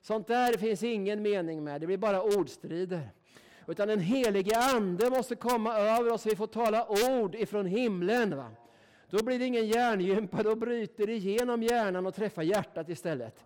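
A man's voice: sits high, darkish tone, slight background noise. A man from Sweden preaching a sermon in a folksy, emphatic way, often tagging his sentences with a questioning "right?". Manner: folksy, emphatic, keeps asking "va?".

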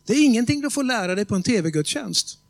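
A man with a notably high voice preaches a sermon, telling stories in a chatty, conversational way. He keeps checking that his listeners are following along and slows down to hammer home key words. The sound is close and dry, with almost no room echo. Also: animated, vocal fry. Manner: conversational, often asks the congregation if they follow; tells stories with quoted voices and emphatic slow stresses. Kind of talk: sermon with storytelling.

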